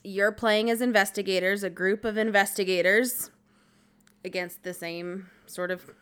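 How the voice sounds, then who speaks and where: A woman co-hosting a casual board game chat, animated, acting out game moments in quick asides. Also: medium pitch, clean tone.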